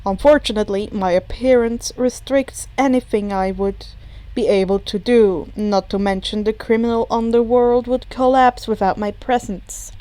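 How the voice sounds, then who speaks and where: A woman's voice: on the high side, fairly even intonation, normal speed, mellow, no echo, close to an everyday voice, low-quality recording. A woman voicing a composed, courteous male supervillain mastermind who speaks in a formal, dryly polite way. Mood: dryly amused.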